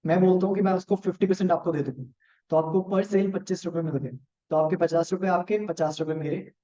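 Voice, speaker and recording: In a live online class on marketing, a man with an Indian accent moves fast by design, using examples and pausing to check in with students. His fairly high voice sounds mellow, while the room echoes and the sound quality is dull and lo-fi.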